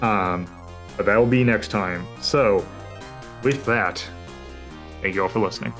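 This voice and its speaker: A man hosting a casual podcast, talking in a relaxed, rambling way with plenty of fillers. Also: fairly low pitch, a little slow, faint music behind. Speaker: podcast host. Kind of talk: casual chat.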